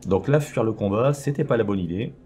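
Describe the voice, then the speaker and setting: A man's voice: lowish voice, expressive, a little fast, mellow, breathy edge, soft background music. A man hosting a let's play, chatting casually and thinking aloud with lots of fillers as he plays. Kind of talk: casual gameplay commentary.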